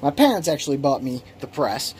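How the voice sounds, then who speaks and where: A man's voice: mid-range voice, very animated, a little fast, a little mellow, slight background noise. A man in his late twenties casually walking through his home holster workshop, rambling and self-deprecating, with lots of restarts and ums. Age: late 20s. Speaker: hobby kydex holster maker. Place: small home workshop shed. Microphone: phone camera.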